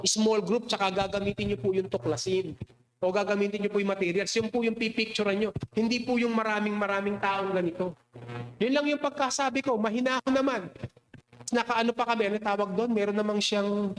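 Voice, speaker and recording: A man's voice: high voice, a little hiss or hum. A pastor preaching a sermon, telling a personal story with frequent laughter and a voice that rises when he acts out an argument. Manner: storytelling, laughs often, mixes English into Tagalog; raises voice when reenacting quarrels.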